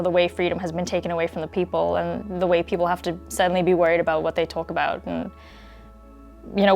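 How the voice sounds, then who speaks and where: A woman's voice: on the low side, vocal fry, darkish tone. A woman from Hong Kong, interviewed with her voice disguised, speaking thoughtfully with fillers.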